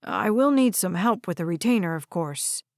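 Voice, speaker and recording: A woman voicing a scheming, greedy man who speaks in a smooth, insistent way. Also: lowish voice, expressive, normal speed, no room sound, studio quality, natural voice.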